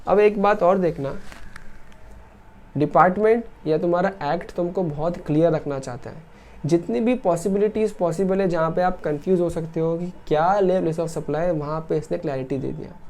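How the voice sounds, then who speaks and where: Mellow-voiced male lecturer. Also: a little high. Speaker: teacher. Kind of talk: recorded lecture.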